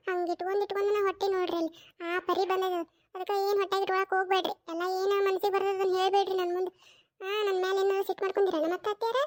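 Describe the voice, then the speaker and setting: Performer voicing a cartoon daughter-in-law, young woman, coaxing, insistent, North Karnataka Kannada accent, very high fast voice. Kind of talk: cartoon voice acting.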